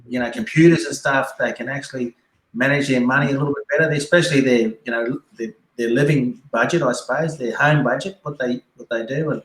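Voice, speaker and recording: A man's voice: mid-range voice, steady tone, a little fast, a bit bright. Laid-back Australian man, echoey room. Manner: laid-back, rambling, many fillers. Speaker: guest. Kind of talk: casual yarn on a live stream.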